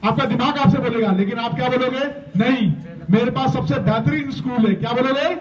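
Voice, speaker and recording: A man's voice: very high voice, brisk. A man giving an emphatic motivational talk at a school, getting the students to repeat his lines after him. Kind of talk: motivational talk with call-and-response. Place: school gathering with many students. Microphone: handheld or stage mic. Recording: echoey, distant, dull sound with crowd.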